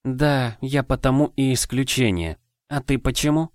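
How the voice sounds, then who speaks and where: A man voicing a shy, polite boy who speaks quietly and carefully. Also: mid-range voice, moderate pace, no echo, clean studio sound, pitched above the performer's own voice, lightly acted. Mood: calm.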